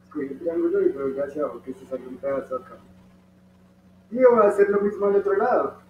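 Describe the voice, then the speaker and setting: A man's voice: a little high, lively intonation, fast talker. A man with a Colombian Spanish accent patiently guiding children through an origami dog step by step, encouraging them as he goes. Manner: patient, encouraging, talks to the kids directly. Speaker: origami instructor. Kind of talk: step-by-step craft tutorial for children. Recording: distant, roomy and dull with faint hum.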